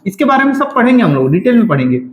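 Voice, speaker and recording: A man's voice: very high-pitched, sing-song, racing. A male teacher, giving a classroom lecture and drilling students by having them repeat lists after him. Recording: echoey room, dull lo-fi sound.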